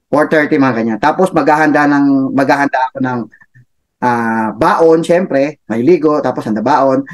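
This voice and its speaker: A man's voice: mid-range voice, moderate pace. A man giving a chatty motivational talk, laughing often and tossing in tag questions. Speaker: motivational speaker for a business club.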